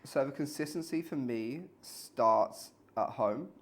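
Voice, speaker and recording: A man's voice: mid-range voice, slow. A man co-hosting a fitness podcast in a casual, talkative chat that sometimes speeds up and includes casual swearing. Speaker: podcast co-host, fitness trainer.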